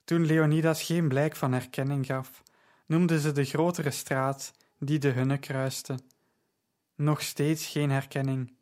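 A man narrating an audiobook story in a measured, even storytelling manner. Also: on the high side.

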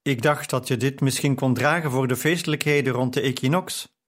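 A man's voice: mid-range voice, a little fast, lightly acted. A man reading a breezy, teasing nobleman. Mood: gentle. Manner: breezy and playful. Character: teasing, easygoing young nobleman. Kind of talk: audiobook reading.

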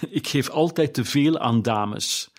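A man's voice: mid-range voice, takes it slowly. A man voicing Old Joe, a sly old male pawnbroker who talks in a wheedling, cackling way in an audiobook. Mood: sly hearty. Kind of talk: audiobook character reading.

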